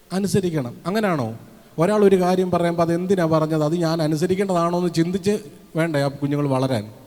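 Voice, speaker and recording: Lively preacher in an echoing church hall. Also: male voice, a little high. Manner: lively, asks the audience questions, acts out quoted voices. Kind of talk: sermon. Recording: long hall reverb.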